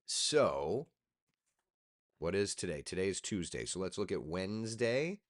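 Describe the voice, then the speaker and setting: Low-voiced weather guy, tired, rambling and chatty, voice goes up and down a lot. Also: big pitch swings, unhurried. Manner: loose, chatty, talks to himself while working. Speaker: TV meteorologist hosting a live chat. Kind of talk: casual live-stream chat.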